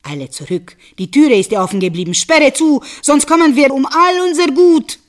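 A woman voicing a desperate, exasperated peasant husband in a storybook tale, loud and wailing. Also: sits high, animated, moderate pace, voice pushed up. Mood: angry.

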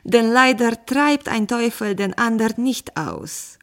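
A calm, pitying painter who answers patiently in a lower, softer voice, as a woman reads him. His lines come slowly, with a gravelly texture. It is a spoken storybook fairy tale. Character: calm pitying town painter, man, wise.

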